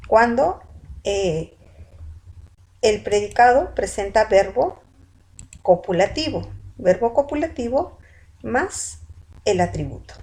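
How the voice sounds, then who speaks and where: A language teacher with a Peruvian Spanish accent gives a classroom grammar lecture, calling her students "chicos" and answering her own questions. Her voice sits at a medium pitch and sounds a little mellow.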